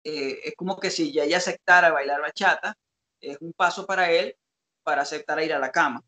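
A man's voice: fairly high pitch, a little fast, bright, forceful tone. A man co-hosting a casual analytical talk, reflective and hesitant, with frequent fillers. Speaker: co-host analyzing song lyrics.

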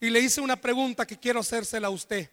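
A man's voice: very high voice, fast talker, in a large hall. A married man preaching a sermon at a church service, speaking with impassioned intensity and calling out to the congregation. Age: adult, married. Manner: impassioned preaching with shouted appeals. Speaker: pastor.

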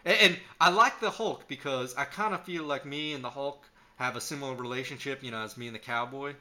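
A man co-hosting a casual podcast chat, telling playful, self-mocking stories and now and then shouting out catchphrases. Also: mid-range voice, brisk. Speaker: podcast co-host.

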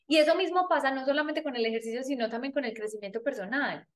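A woman's voice: high voice, fast talker. A woman hosting a casual interview, reacting with enthusiastic agreement. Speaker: host. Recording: echoey room.

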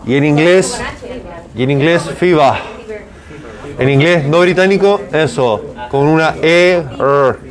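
A man's voice: on the high side, normal speed, crowd noise. Chilean male lecturer, patient drill-style teacher, repeats words, noisy classroom. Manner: drills pronunciation, repeats words, keeps asking for agreement. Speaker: university lecturer.

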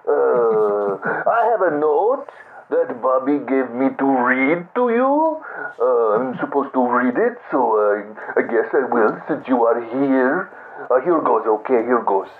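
Figure: a man doing a bumbling male prison inmate. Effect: over a landline phone. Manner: halting, stammering, slow, lively pitch. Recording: tinny phone line, faint hiss. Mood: rambling.

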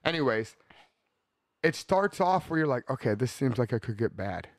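A man's voice: mid-range voice, sing-song, normal speed, no room sound. Rambling, profane man in his thirties. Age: 30s. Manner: rambling, profane, laughs often. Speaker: podcast host. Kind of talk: casual chat.

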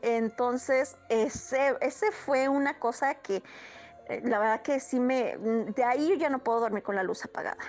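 A woman's voice: on the high side, a little slow, darkish tone. A woman tells a personal story casually, full of fillers and restarts. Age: 30s. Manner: rambling, many fillers and restarts. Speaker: guest storyteller.

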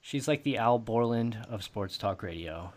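A man's voice: lowish voice, animated, normal speed, darkish tone. A man hosting a casual sports podcast, laid-back and teasing. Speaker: podcast host.

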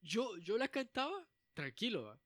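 A young man co-hosting a casual chat, animated and quick to laugh, often acting out the lines he talks about. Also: high-pitched. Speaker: podcast co-host.

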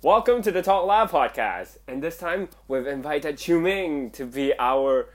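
A man's voice: on the high side, expressive, a little slow. A man co-hosting a casual podcast, setting out the plan for the episode and steering the talk. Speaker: podcast co-host.

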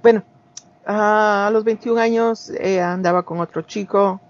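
A man's voice: high-pitched, fairly even intonation, measured pace. A man in his forties from Guatemala with a Guatemalan accent, telling personal stories in a casual, rambling way, full of restarts and acted-out quotes. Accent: Guatemalan Spanish. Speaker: guest. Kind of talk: casual storytelling. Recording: dull lo-fi recording.

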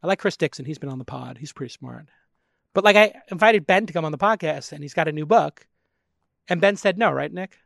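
A man hosting a podcast in casual, rambling conversation, animated and swearing casually. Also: fairly high pitch, brisk, gravelly, dry recording, studio quality. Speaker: podcast host.

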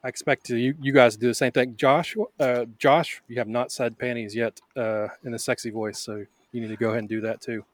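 A man's voice: medium pitch, little pitch movement, fairly quick, hardly any pauses, dry recording. A man as a podcast guest, playful in casual chat, with stumbling restarts.

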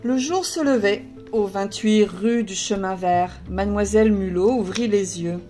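Give me a woman reading a storybook aloud, clear and steady. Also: mid-range voice, a little slow, soft background music.

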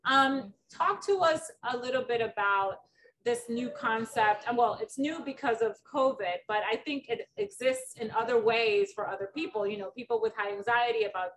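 A middle-aged woman from the Dominican Republic hosts a relaxed interview, chatting freely and telling stories from her own life. Her voice sits fairly high and comes from some distance off the mic. A faint hiss of background noise stays under it. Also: moderate pace. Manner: chatty, storytelling, many fillers. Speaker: podcast host. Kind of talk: casual conversational interview.

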